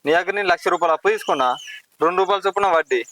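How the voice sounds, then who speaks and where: Guy doing a riled up young postman from the village, telangana accent, highish quick voice. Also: a bit bright. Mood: protesting. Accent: Telangana Telugu. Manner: pleading, then heated and indignant. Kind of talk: village drama acting.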